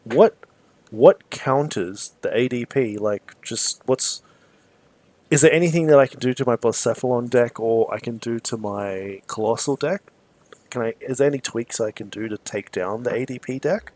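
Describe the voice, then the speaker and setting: A man, streaming a card game and casually thinking aloud as he plays, relaxed and chatty. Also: mid-range voice, moderate pace, no echo. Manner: relaxed, chatty, muses aloud and chuckles easily.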